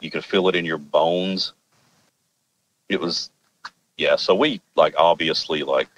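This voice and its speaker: A man from Arkansas with an American accent and a low, somewhat bright voice tells a personal story as a podcast guest. He's casual, rambling and wry, and the recording sounds muffled.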